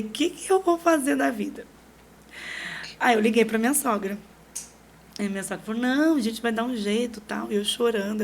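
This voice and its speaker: A middle-aged Brazilian woman, a podcast guest, telling a personal story in a lively way, acting out what people said and laughing often. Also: a little high, a little hiss or hum. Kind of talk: personal storytelling in a casual interview.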